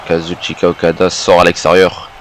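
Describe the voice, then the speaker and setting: A man's voice: low voice, monotone, brisk, a bit bright, a little hiss or hum. A man working as a wrestling co-commentator, naming the moves in short interjections. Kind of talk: wrestling commentary of a video game match.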